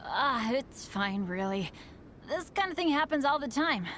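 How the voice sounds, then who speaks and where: A high-voiced, plucky teen adventurer boy, always cursed with bad luck. He stumbles over his words and puts himself down, with faint ambient sound behind him in the game scene. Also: animated, a little slow, fairly bright tone, slight background noise. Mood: reassuring. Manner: stammers and turns self-deprecating. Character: young teen adventurer boy, cheerful but unlucky. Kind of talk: video game voice acting.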